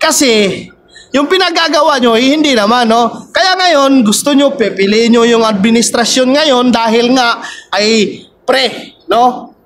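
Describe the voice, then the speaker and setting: A man's voice: extremely high pitch, a little slow, fairly bright tone. A man giving casual commentary to his viewers, constantly addressing them and tagging his lines with a questioning "no?". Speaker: vlogger, political commentator.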